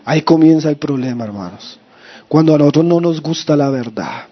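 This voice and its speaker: A man's voice: fairly high pitch, animated, a little fast, muffled recording. A male pastor preaching a sermon with a sore throat, asking the congregation questions and calling them brothers.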